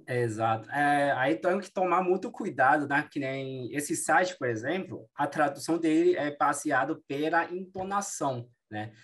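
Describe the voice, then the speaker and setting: A man's voice: fairly high pitch, a little slow, hardly any pauses, fairly bright tone. Male teacher, patient. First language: Mandarin Chinese. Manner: explanatory, frequent "né" tags, self-corrections. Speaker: Mandarin teacher. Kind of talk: classroom explanation.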